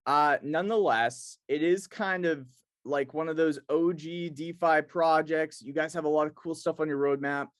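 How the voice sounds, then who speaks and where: A man's voice: on the high side, moderate pace, no echo, studio quality. A man hosting a casual interview, speaking in an informal, wordy, loosely phrased way. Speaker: interview show host.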